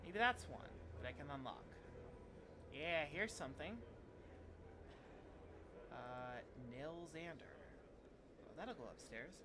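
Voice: medium pitch, animated, slow, pauses often, background noise. A streamer playing through a game, musing aloud and reading dialogue lines. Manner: musing aloud, thinking out loud.

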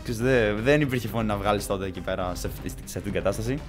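A man vlogger telling a story from his childhood in a casual, animated way, swearing and acting out scenes. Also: fairly low pitch, over music. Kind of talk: story time vlog.

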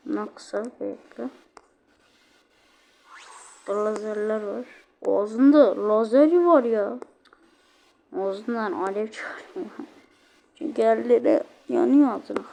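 Gravelly woman narrating her game play. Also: a little high, slow, pauses often, a little mellow. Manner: chatty, exclaiming, easily annoyed at the game. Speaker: gaming channel host. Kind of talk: let's-play game commentary.

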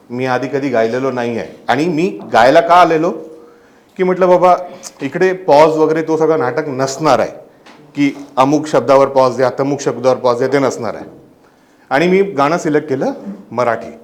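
A young man from Mumbai with a Marathi accent, performing a stand-up comedy set and telling stories that break into sudden loud, indignant outbursts. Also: mid-range voice, moderate pace. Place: comedy club stage.

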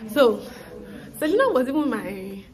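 A woman's voice: sits high, big pitch swings, moderate pace. A woman in her twenties chatting straight to her viewers in a casual vlog, telling them about her day. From not from Canada, studying there. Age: 20s. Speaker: vlogger. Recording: noisy with crowd chatter.

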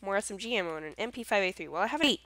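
A woman's voice: medium pitch, animated, racing, fairly bright tone, dry recording. A woman with a congested, nasal voice chatting casually through her gameplay, easily surprised and self-deprecating. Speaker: gameplay commentator.

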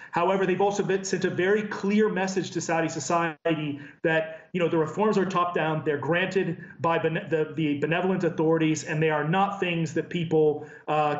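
A man in his thirties speaks on a live remote news link, measured and careful, often pausing on fillers and restarting his sentences. His voice sits a little high and sounds roomy. The remote feed is dull and muffled. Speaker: human rights researcher. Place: office with a branded backdrop. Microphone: earpiece and camera video link.

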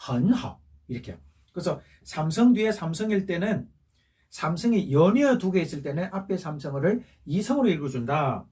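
Patient man teaching, lively and husky. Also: a little high, brisk, far from the mic. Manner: patient, repeats points with rising check-in questions. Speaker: Chinese language teacher. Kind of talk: recorded classroom lesson for seniors.

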